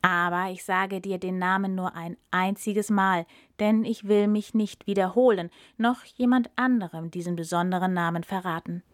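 A woman's voice: on the low side, fairly even intonation, moderate pace, hardly any pauses, dry recording, clean studio sound, natural voice. Stern lion king, read by a woman; grave, impatient, storybook tale.

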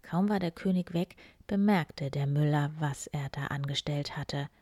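A woman reading a fairy tale aloud in a slow, hushed, breathy voice. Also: deep voice, no echo. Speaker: storyteller. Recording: dry close recording.

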